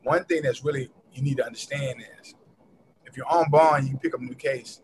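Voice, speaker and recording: Man defense lawyer guest, animated and repetitive, faint room hum behind. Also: medium pitch, fairly quick. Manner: animated, repeats words while explaining. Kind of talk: casual podcast chat.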